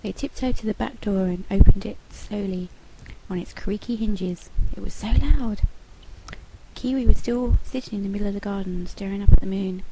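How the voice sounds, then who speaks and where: A woman narrating a children's storybook aloud in a gentle, measured way. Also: mid-range voice, a little hiss or hum, low-quality recording. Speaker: author reading her own book.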